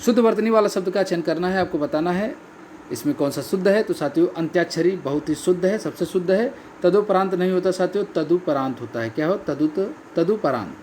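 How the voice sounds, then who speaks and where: A man's voice: high voice, fairly quick, darkish tone, a little hiss or hum. A man explaining the answers to a language test, repeating each key word and calling his listeners friends. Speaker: Hindi exam tutor.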